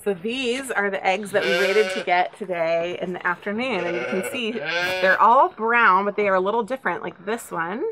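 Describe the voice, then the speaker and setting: A woman's voice: mid-range voice, a crowd in the background. A woman in her thirties giving a simple, patient outdoor tour of her backyard chicken coop for children. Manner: patient, explaining slowly and simply. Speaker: hobby farm owner giving a tour. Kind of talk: virtual field trip tour for children.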